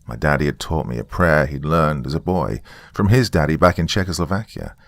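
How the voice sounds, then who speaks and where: Speaking slowly and with a folksy flavor, a man with a very deep, creaky voice recounts a dramatic tale of his own. He sounds animated and fairly bright, captured in a close, dry recording.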